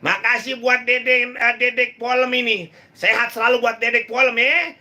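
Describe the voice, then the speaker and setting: A young man hosts a live comedy stream, playfully teasing viewers and reciting rhymes in a drawn-out sing-song. His voice sits high and sounds very bright and sharp. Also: flat delivery. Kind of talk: joking live chat answering viewer comments.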